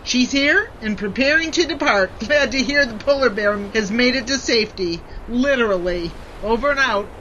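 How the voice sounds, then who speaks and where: A woman's voice: on the high side, expressive, normal speed, few pauses, a bit bright, dull audio, slight background noise. A woman playing a businesslike checkpoint radio operator in a children's audio drama.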